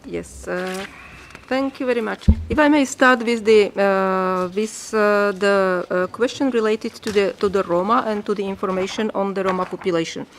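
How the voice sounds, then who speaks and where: A woman explains her country's position before a committee in formal testimony. She hesitates often, restarting phrases and filling gaps as she searches for her English. Her voice sits at a middling pitch. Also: normal speed, slight background noise. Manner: hesitant, many fillers and restarts. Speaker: state delegation member answering a UN committee.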